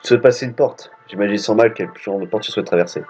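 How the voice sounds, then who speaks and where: A man voicing a calm, knowing woman who guides travelers between worlds, read plainly. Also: lowish voice, quick pace, lightly acted. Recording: dull lo-fi audio with game music.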